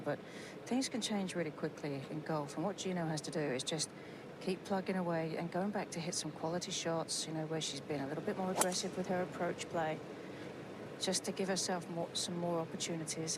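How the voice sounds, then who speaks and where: A woman with a low voice works as a golf commentator, talking through shots in an analytical, conversational way. She thinks aloud as she explains. Clear outdoor ambient noise sits behind her. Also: fairly quick.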